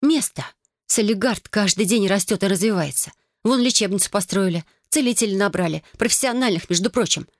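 A woman voicing a young, quick-tempered heroine who answers in lively, exasperated retorts, higher than her narration. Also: no room sound, studio quality, lightly acted. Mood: stubborn.

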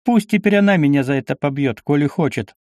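A man's voice: a little high, animated, fast, darkish tone, no room sound, pitched above the performer's own voice, lightly acted. A reader playing a heartfelt young knight from a historical storybook, polite and earnest, his voice somewhat raised. The recording is dry and close. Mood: cheerful. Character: young knight, emotional but cheerful.

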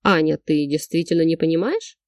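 A woman's voice: animated, brisk, no echo, studio quality. A woman voicing a brash, possessive young man who hisses and growls his lines in an insinuating, domineering way. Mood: intimate. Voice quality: low hissing, growling delivery.

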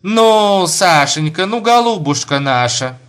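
A man's voice: sits high, lively intonation, takes it slowly, fairly bright tone, smooth, voice pushed up, full character voice. A man voicing a gushing, coaxing society lady at a dinner party.

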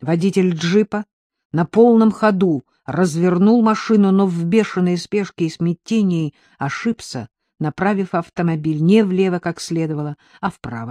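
An audiobook narrator reading an action novel in an even, steady way. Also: mid-range voice, moderate pace, dry recording.

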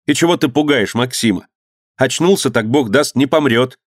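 Guy voicing a no-nonsense young wife, brisk and firm, higher voice, dry sound. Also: no echo, natural voice. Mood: impatient.

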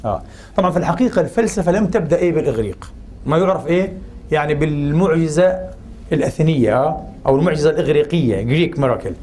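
A man giving a religious and cultural lecture, posing rhetorical questions and pausing on filler sounds. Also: a little high, lively intonation, dark tone, a little hiss or hum.

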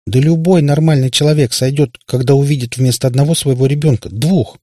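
A man's voice: medium pitch, fairly quick, warm tone, dry recording, pitched above the performer's own voice, natural voice. A man voicing a small, frightened girl who stammers and pleads, close to tears. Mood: frightened, tearful.

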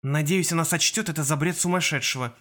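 An anxious teenage boy mage who stammers and frets, as a male narrator reads him. His voice sits a little higher than a grown man's and tightens when scared. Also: quick pace, a bit bright, natural voice. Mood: worried.

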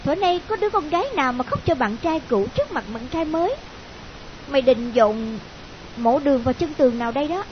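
A man's voice: very high voice, animated, a little fast, pitched above the performer's own voice. A man doing a blunt bossy young woman friend. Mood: scolding. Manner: brash, scolding, coaxing. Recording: dull lo-fi audio with hiss.

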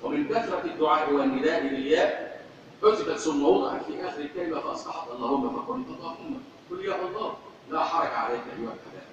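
A man's voice: a little high, expressive, fast, a little hiss or hum. A man preaching with an Egyptian accent in a fervent, repetitive sermon style, addressing his congregation. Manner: fervent, repeating phrases for emphasis. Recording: echoey hall, distant, dull.

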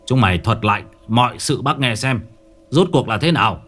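A man voicing an older village man who calmly takes charge and questions the children, in a spoken ghost story. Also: medium pitch, moderate pace, faint music behind, lightly acted. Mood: firm. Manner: firm, coaxing questions.

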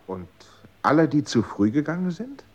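A man's voice: a little high, very animated, moderate pace, dull audio, loud music behind the voice. An actor playing an anxious, pleading man in a 1960s radio drama.

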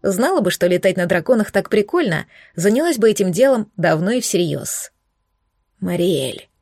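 A woman's voice: medium pitch, a little fast, no room sound, studio quality. Wry woman narrating a fantasy audiobook. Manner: lively, wry, expressive. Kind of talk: first-person fantasy narration.

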